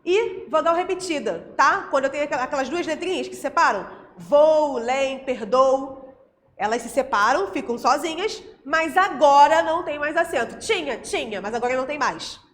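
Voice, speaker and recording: A woman teacher with a Brazilian Portuguese accent explains a grammar lesson patiently, often checking in with quick tag questions. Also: high voice, animated, long reverb tail.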